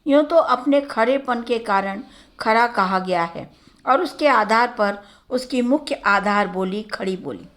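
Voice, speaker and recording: A woman giving a measured academic lecture, listing word forms one by one. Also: a little high. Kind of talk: slow academic lecture on Hindi dialects.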